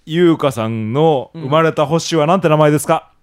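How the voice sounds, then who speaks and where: A man's voice: a little high, clean tone. A man hosting a radio riddle game, politely and coyly answering guesses. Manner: polite, measured, coy. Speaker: quizmaster.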